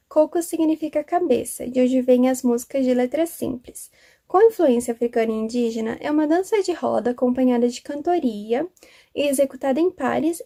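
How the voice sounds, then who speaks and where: A woman student reading a prepared school text aloud in a steady, even way. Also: high voice. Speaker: student presenter.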